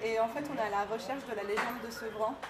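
A woman working as an interviewer, casually asking passers-by quick, friendly questions. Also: on the high side, fairly even intonation, background noise.

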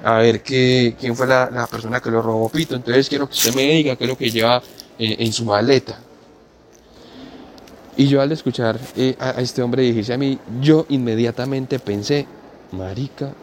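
A man, telling a story in a relaxed, slangy way and pausing to explain his expressions. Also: medium pitch, slight background noise. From Colombia. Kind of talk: spoken storytelling.

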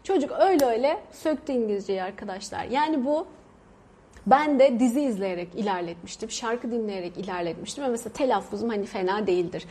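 Woman from Turkey, thirties, mellow husky voice, casual monologue, chatty with many hesitations. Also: on the high side, lively intonation, fast. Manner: chatty, with many hesitation sounds and doubled verbs. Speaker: mother sharing her experience.

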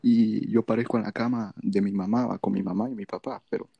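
A young man recounts a story in relaxed slang. His voice is gravelly and husky with a dark, mellow tone. The sound is dry and close. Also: lowish voice, fairly quick, no echo, highs cut off. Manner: laid-back, slangy storyteller. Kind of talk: casual storytelling chat.

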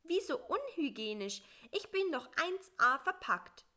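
A woman voicing a small, lonely, chatty male fly in a storybook reading, with a high, quick, plaintive voice. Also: very animated, pushed and bright, full character voice.

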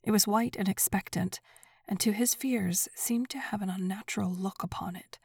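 Slow whispery woman reading a story, breathy and raspy, super dry close sound. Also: medium pitch, dry recording. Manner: slow, hushed, even. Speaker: narrator.

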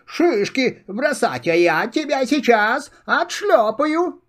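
A man's voice: extremely high pitch, very animated, takes it slowly, pitched above the performer's own voice, exaggerated voice. An older man playing a bossy scolding squirrel. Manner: sharp, scolding. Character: bossy busy squirrel, female.

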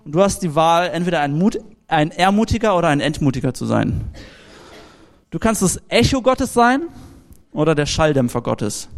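A young man gives a relaxed, storytelling sermon and talks straight to the people in front of him. His voice sits fairly high for a man, and he keeps the talk personal and informal. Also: normal speed. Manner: lively, anecdotal, direct address to the audience. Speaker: preacher. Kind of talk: casual youth sermon.

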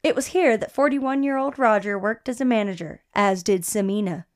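A woman's voice: mid-range voice, normal speed. A young woman co-hosting a casual podcast, reading an article aloud, swearing and stumbling over words. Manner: laughs often, swears, stumbles while reading. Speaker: podcast co-host.

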